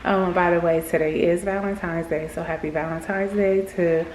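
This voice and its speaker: Low-pitched woman vlogger, slight retainer lisp. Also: steady tone, normal speed, a little mellow, slight background noise, rough recording. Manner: slightly lisped speech from wearing retainers. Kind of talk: casual rambling chat to viewers.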